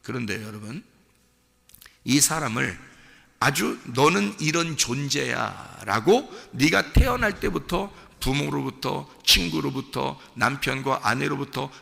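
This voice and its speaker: A male pastor preaching a sermon, swinging from low murmurs to shouted peaks and acting out the inner voices of his listeners. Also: expressive, unhurried, creaky. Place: church sanctuary. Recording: long church hall reverb.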